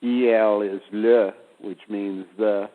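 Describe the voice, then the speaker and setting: Low-voiced guy talking slow over a phone line, kinda echoey, spells out words as he goes. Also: steady tone. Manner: slow, deliberate wordplay explanations. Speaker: guest speaker. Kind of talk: casual phone conversation. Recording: tinny phone line with reverb.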